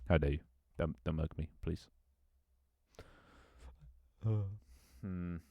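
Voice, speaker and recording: Over narrow, tinny audio with no echo, a young man talks slowly in a low voice while streaming a game. He chats loosely with his audience and talks himself through setup, rambling, restarting and laughing a lot.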